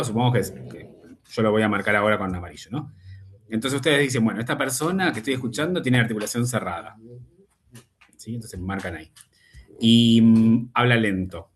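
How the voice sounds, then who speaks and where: A man gives a speech therapy lesson over a video call. His voice sits at a middle pitch for a man. He explains patiently and keeps checking in with his students. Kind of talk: online class explanation.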